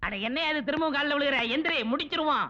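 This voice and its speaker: A cheeky, giggly matchmaker. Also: male voice, extremely high pitch, fast, pushed and bright, full character voice. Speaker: matchmaker seeking a commission. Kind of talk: 1990s film comedy dialogue. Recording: dull old film soundtrack with faint hiss.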